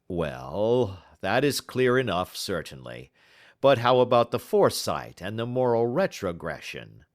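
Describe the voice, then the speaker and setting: A man voicing a modest, puzzled gentleman in an audiobook, politely questioning his clever friend. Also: fairly low pitch, sing-song, a little slow. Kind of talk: audiobook character dialogue.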